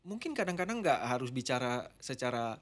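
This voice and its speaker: A middle-aged man talks as a pastor and marriage mentor on a podcast. He explains at an easy pace, mixing careful phrasing with slang. His voice sits in a plain middle pitch. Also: fairly quick. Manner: relaxed, explanatory, drifts between formal and slangy Indonesian. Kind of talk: casual podcast conversation.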